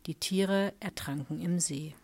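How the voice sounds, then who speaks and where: A woman narrates in a fairly low voice. Her scripted reading is even and measured.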